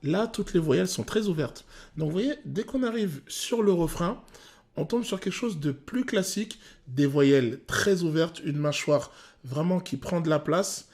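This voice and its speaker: Man, vocal coach, fairly high-pitched, technical explanation, hesitant fillers. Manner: technical and animated, many "euh" pauses. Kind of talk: explanatory song analysis.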